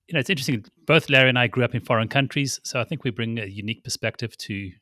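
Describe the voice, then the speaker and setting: A man, a guest on a podcast, talking about his background in a plain-spoken, steady way. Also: mid-range voice, rapid-fire, no room sound, studio quality. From South Africa. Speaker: guest, financial advisor. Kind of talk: casual interview.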